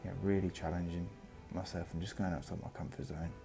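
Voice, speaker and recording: A man giving a reflective, personal vlog monologue, speaking earnestly in short, halting phrases. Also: deep voice, fairly even intonation, vocal fry. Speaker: vlogger. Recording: music behind the voice.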